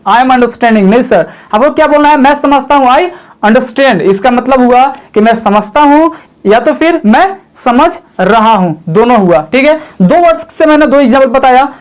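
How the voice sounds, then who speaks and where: Guy with a really high voice doing a grammar lesson, asks himself questions then answers, keeps repeating stuff. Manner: calls the viewer "sir" in a chatty teaching tone. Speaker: English grammar teacher.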